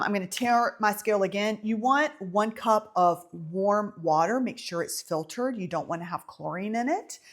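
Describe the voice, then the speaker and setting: A woman with a warm Southern lilt talks through a bread recipe in a home kitchen. She is casual and chatty, fills gaps with ums, and teases herself about small slips along the way. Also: on the low side, slight background noise. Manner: chatty, self-amused, many ums. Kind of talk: casual baking tutorial.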